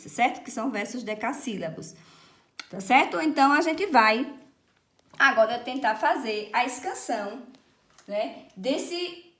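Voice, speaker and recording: A woman's voice: sits high, roomy sound. A woman teacher, patiently explaining a lesson and checking often that her students follow. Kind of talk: recorded online lesson.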